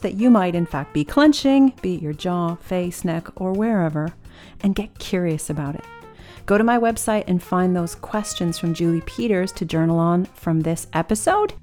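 A woman's voice: fairly low pitch, moderate pace, a little mellow, faint music behind. A woman hosting a show in a conversational style. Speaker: show host.

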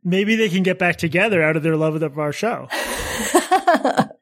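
A man co-hosting a podcast, speaking into a phone held next to his microphone, wry and quick to laugh. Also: high voice, lively intonation, fairly bright tone. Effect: speaking into a phone held beside the microphone. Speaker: podcast co-host. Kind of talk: casual banter. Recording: thin phone audio.

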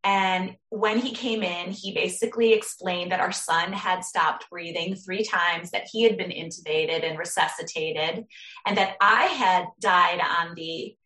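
A woman telling a personal story as a guest in an interview, earnest and halting, often restarting her sentences. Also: lowish voice, bright, forceful tone, reverberant.

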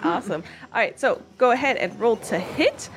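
A woman running a live-streamed tabletop game as game master, quick and laughing often. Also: on the high side, expressive, slight background noise.

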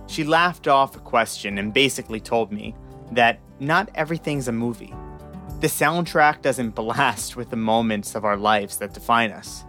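A man in his twenties, a podcast host, giving a reflective scripted narration with measured, dramatic pauses and then interviewing a guest. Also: mid-range voice, sharp tone. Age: 20s.

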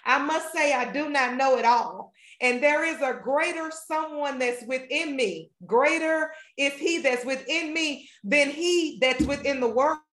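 A woman's voice: sits high, a little slow, hardly any pauses, a bit bright, reverberant. A woman hosting a faith podcast, speaking with a fervent, preacherly cadence as she talks business and leads a prayer. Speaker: podcast host and marketing strategist.

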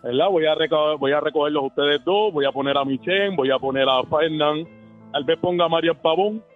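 A man's voice: fairly high pitch, brisk, faint music behind, natural voice. A man playing a boastful rich caller who phones a radio show, swaggering and casually insulting. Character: boastful rich man phoning in, bossing his staff. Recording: phone line.

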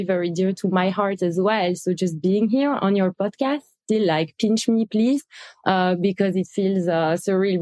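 A woman's voice: mid-range voice, dark tone, no room sound. A woman from Belgium, a company CEO guest speaking eagerly in a casual interview, often repeating words as she thinks.

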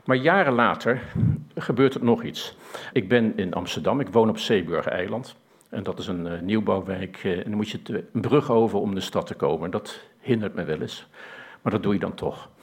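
Male storyteller, slightly husky voice, down-to-earth and conversational, hesitates and restarts often. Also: lowish voice, normal speed. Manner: plain, down-to-earth telling. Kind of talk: personal story told to an audience.

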